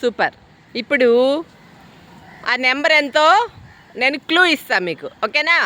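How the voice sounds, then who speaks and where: A woman teacher running a number guessing game with her pupils outdoors, giving brisk commands and mixing in English phrases. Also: high-pitched, expressive, bright, forceful tone. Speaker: school teacher.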